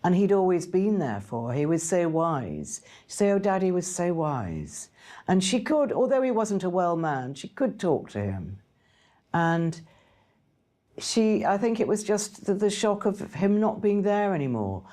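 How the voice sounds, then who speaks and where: A woman's voice: lowish voice, sing-song, measured pace, dark tone. A woman, speaking as an interviewee in a documentary, conversational and hesitant with restarts. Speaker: interviewee, royal commentator.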